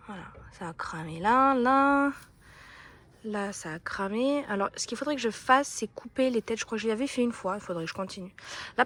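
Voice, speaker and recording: A woman chatting casually to her handheld camera at home and in her garden. She rambles, laughs often and pokes fun at herself. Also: mid-range voice. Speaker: lifestyle vlogger. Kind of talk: casual vlog chat to camera.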